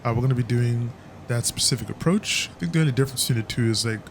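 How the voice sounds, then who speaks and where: A man's voice: mid-range voice, very fast, slight background noise. A man giving casual, chatty commentary over a flight simulator session, stumbling now and then with fillers. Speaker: flight sim YouTuber.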